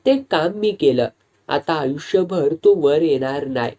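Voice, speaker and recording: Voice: lively intonation, measured pace, warm tone, dull audio, close to an everyday voice. A storyteller voicing a humble, wary village man who speaks in rustic, plain village talk. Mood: plain-spoken. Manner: rustic, plain-spoken, low-key. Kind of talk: storytelling with character voices.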